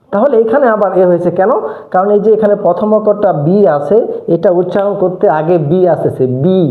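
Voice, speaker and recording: A teacher talks through grammar rules in a classroom-style lesson. The voice sounds thin and phone-like, and it echoes around the room. The teacher often stops to ask a question and then answers it. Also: mid-range voice. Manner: asks questions and answers them herself. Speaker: English teacher.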